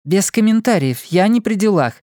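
A woman's voice: mid-range voice, animated, normal speed, warm tone, no room sound, clean studio sound, voice pushed up, close to an everyday voice. A man voicing a stubborn young woman police deputy in an audiobook, speaking in an indignant, insistent way.

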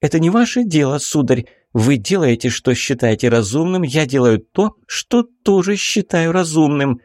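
A willful young noblewoman, proud and impassioned, as a male narrator raises his voice to play her. She stretches her exclamations out in an imperious, lilting line. The voice is lifted high above his usual register, in a dry close recording. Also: animated, moderate pace, darkish tone, no room sound, lightly acted. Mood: defiant. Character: young baroness, headstrong, passionate, haughty. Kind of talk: audiobook character voicing.

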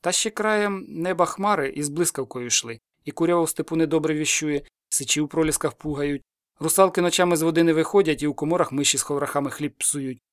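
An old village witch in a storybook, muttering her eerie spells and memories in one unbroken, breathless stream, as a man reading the tale puts her on. The voice sits a touch higher than usual and runs quickly, with a loud, dry, close sound. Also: no room sound, close to an everyday voice. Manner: breathless muttering incantatory ramble.

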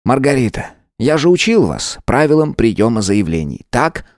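A man voicing a furious shouting boss. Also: mid-range voice, sing-song, moderate pace, no echo, clean studio sound, voice pushed up. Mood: angry commanding. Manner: shouting, scolding, commanding. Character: hot-tempered male boss, commanding and scolding. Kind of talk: audiobook character voice.

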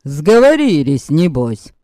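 A man's voice: on the high side, sing-song, slow pace, warm tone, no echo, studio quality. A man voicing a crude, cheeky man heckling from the audience in a storybook reading. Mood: mocking. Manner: blunt, mocking heckles. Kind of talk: audiobook character voice.

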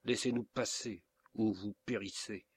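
A man's voice: fairly low pitch, fairly even intonation, unhurried, slightly rough. Melmoth, a man voicing a cold menacing stranger.

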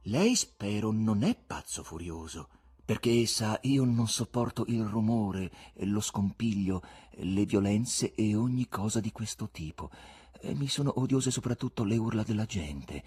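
A fussy, nervous middle-aged patient, as a man reads him in an audiobook. He talks softly with a low, husky voice and lectures in a reproachful way. His pitch moves a lot. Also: exaggerated voice.

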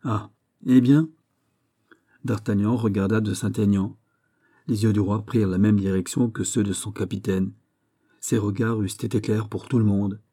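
A male narrator reading a classic novel as an audiobook in a measured storytelling way. His voice is low and deeply mellow, with a husky edge. The reading stays even and unhurried.

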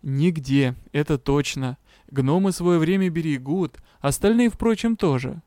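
A man's voice: a little high, unhurried, mellow, no room sound, clean studio sound, natural voice. A man voicing a curious young woman in a lighter, raised voice. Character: curious young heroine, the mage's beloved. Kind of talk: audiobook character voice.

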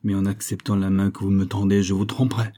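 A man's voice: low voice, completely flat delivery, warm tone. Man reading as a tormented young man. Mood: agitated. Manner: agitated, halting outbursts. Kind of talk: audiobook reading.

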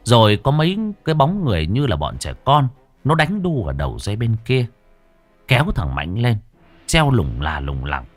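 A man's voice: on the low side, sing-song, moderate pace, dry recording, soft background music. Dramatic ghost storyteller, man. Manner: dramatic, vivid storytelling with earthy humor.

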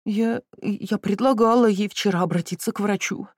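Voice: medium pitch, expressive, normal speed, husky, no room sound, clean studio sound, voice pushed up. A reader voicing a tearful, fussy middle-aged mother who moans and laments in an audiobook. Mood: lamenting. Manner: whimpering, lamenting. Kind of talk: audiobook reading.

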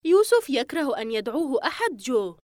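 A woman reader voicing a blunt, teasing young female friend in an audiobook, talking in a lively way. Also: high-pitched, fairly quick, no room sound, clean studio sound, voice pushed up.

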